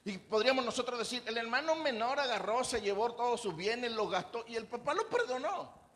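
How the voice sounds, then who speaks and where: High-voiced man preaching a sermon. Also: expressive, fairly quick, a bit bright. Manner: preaches conversationally, asks the congregation questions, acts out quoted voices. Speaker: pastor. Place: church.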